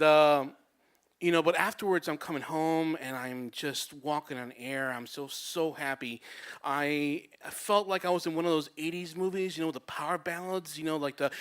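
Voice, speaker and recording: A young man telling a personal story on stage, animated and acting out the people he quotes. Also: clear, resonant tone. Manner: animated, acts out quotes with big pitch jumps.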